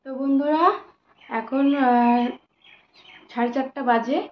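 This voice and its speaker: Speaking slowly with fairly even intonation, a young woman whose voice sits high talks viewers through her cooking and housework in her own kitchen. It's a relaxed, step-by-step vlog, captured in a dull, lo-fi home recording.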